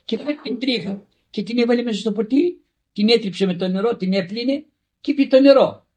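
An older man, a monk elder, recounting a personal anecdote in a halting way, often restarting words and acting out the voices of the people in it. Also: very high voice, a little mellow, breathy edge. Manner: halting, repeats and restarts words, acts out quoted dialogue.

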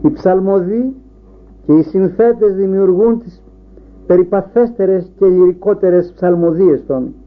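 A man preaching an Orthodox sermon, building up rhetorical questions one after another. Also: high voice. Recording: tinny phone-like sound.

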